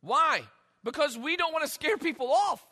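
A man preaches a conversational sermon from the pulpit and slips into the voices of the people in his story. His voice sits very high, bright and forceful, and it rings out with a long hall reverb. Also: animated, moderate pace. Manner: conversational preaching, acting out biblical dialogue. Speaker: pastor.

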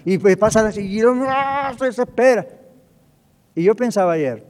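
A male pastor preaching an animated sermon, slipping English phrases into his Spanish and acting out little dialogues. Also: high-pitched, moderate pace, big-room sound.

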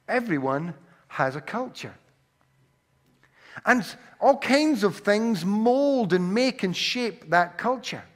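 A man from Scotland with a Glaswegian accent preaches a sermon in a high, fairly bright voice. He tells personal stories anecdotally, with frequent restarts and repeated words.

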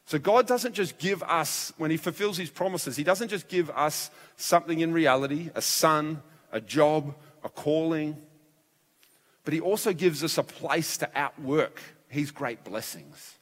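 A man's voice: on the high side, unhurried, fairly bright tone. A man preaching a sermon as pastor in a church, his voice strained and fragile, telling the story vividly and acting out voices. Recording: long church hall reverb.

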